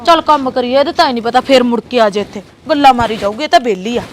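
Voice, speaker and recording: A woman's voice: a little high, quick pace, slight background noise, close to an everyday voice. A woman playing a chatty young village woman.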